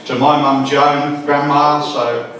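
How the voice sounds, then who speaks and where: A man's voice: mid-range voice, flat delivery, a bit bright. Echoey Australian man, father of the bride speech. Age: middle-aged. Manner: halting, folksy, dry humour. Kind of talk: father of the bride wedding speech, informal storytelling and welcomes. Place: large echoey wedding reception room. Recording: echoey hall from far off, faint noise.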